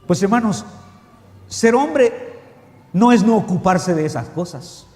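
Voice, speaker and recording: A man preaching a sermon, animated and full of rhetorical questions to the congregation. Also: high-pitched, slow. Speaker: pastor. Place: church hall. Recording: echoey church hall with long reverb.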